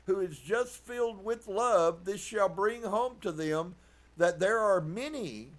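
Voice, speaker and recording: A man preaching earnestly as a pastor, reading from a book and reflecting on it with soft laughs. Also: sits high, takes it slowly. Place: live stream.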